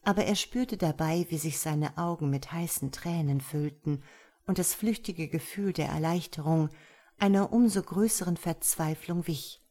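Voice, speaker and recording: Low-voiced woman narrating an audiobook. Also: normal speed, mellow.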